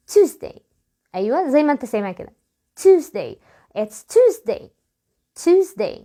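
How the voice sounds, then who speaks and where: A woman with an Egyptian Arabic accent teaching English pronunciation in an online lesson. She explains quickly and then says the model words slowly and carefully. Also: sits high, darkish tone. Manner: switches between quick explanations and slow, drawn-out model words.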